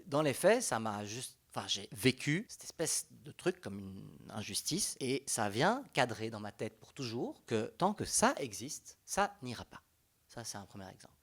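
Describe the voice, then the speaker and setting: With a Belgian French accent, a young man speaks as a panelist at a public event at a moderate pace and medium pitch. His delivery is lively and conversational, marked by frequent sentence restarts.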